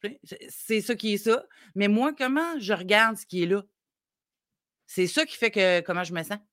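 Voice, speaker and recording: A woman with a Quebec French accent, a parenting coach on morning radio, a bit hoarse, explaining her ideas in a reflective, step-by-step way. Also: medium pitch, moderate pace, a bit bright, dry recording, clean studio sound. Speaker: parenting coach, regular guest. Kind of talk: casual radio chat.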